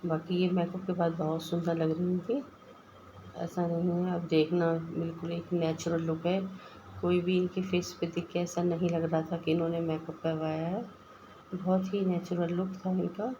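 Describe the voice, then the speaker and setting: A woman's voice: on the low side, flat delivery, moderate pace, highs cut off. Hindi-speaking woman, noisy tutorial voice-over. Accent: Indian Hindi. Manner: explanatory, addresses viewers as guys. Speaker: makeup artist. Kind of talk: step-by-step makeup tutorial voice-over.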